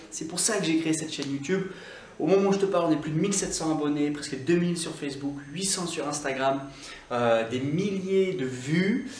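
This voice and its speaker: A man hosting a video English lesson, upbeat, repeating English words slowly to model pronunciation, recorded by the camera from a few feet away indoors. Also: on the high side. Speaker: English teacher and channel host. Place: indoor room, moving in and out of camera frame. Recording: echoey room, voice from a distance, faint background noise.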